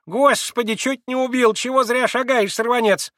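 A male reader voicing a frightened old female servant in a high, fussy, quavering voice. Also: fairly even intonation, normal speed, a bit bright, no room sound, studio quality. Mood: startled scolding.

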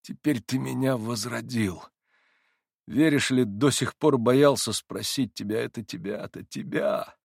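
A man voicing an anguished young man awaiting trial, speaking with urgent, impassioned pleading that climbs toward desperate shouts. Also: medium pitch, a little slow, gravelly, no echo, clean studio sound. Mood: relieved. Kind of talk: audiobook character voice.

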